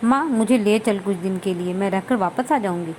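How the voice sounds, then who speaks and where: A woman's voice: medium pitch, moderate pace, dark tone, a little hiss or hum, voice pushed down, natural voice. A woman voicing a spoiled young bride who sulks and complains tearfully to her mother. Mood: whiny pleading. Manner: whiny, complaining.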